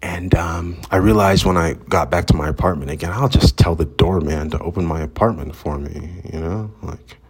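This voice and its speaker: Deep husky man, rambling story. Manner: rambling and candid, with frequent swearing. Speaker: vlogger. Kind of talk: casual storytelling. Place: outdoors at sunrise.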